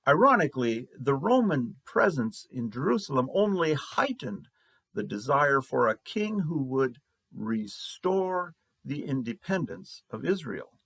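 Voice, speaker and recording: Slow gravelly-voiced male pastor preaching. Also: mid-range voice, sing-song, fairly bright tone, no echo. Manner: slow, measured preaching with long pauses. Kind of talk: sermon.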